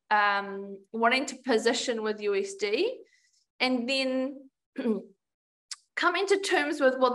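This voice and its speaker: A business coach in her forties with a New Zealand accent speaks frankly as a podcast guest over a video call webcam. Her voice is on the high side and fairly bright, and she chats with many restarts from a room at home with a door and a painting.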